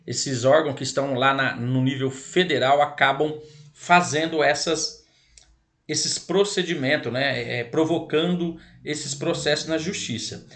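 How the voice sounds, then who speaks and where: A man's voice: fairly high pitch, fairly even intonation, a little slow, fairly bright tone. Brazilian man teaching law, scratchy throat. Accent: Brazilian Portuguese. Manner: explanatory, repeats and corrects himself, addresses "pessoal". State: scratchy, irritated throat, clearing it. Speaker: lecturer on child protection law. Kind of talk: online legal lesson.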